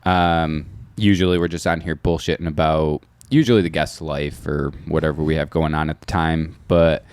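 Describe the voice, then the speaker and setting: A young man co-hosts a podcast in a very deep voice, recorded dry and close. He talks in a laid-back way, dropping swears and "um"s as he goes. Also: fairly even intonation, moderate pace, darkish tone, clear, resonant tone, no room sound. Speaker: podcast co-host. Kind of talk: casual podcast chat.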